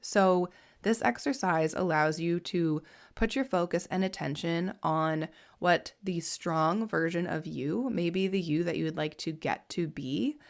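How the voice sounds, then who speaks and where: A woman in her thirties hosting a podcast, talking gently and unhurried, slightly hoarse after a cold. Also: lowish voice. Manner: soft, unhurried, reassuring. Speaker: podcast host and mentor.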